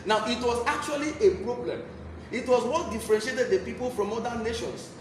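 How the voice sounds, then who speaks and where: A man's voice: very high voice, a little fast. A man with a Nigerian accent preaching a Bible teaching sermon in an emphatic, repetitive way. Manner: emphatic, repeats key phrases. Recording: echoey room, clear background noise.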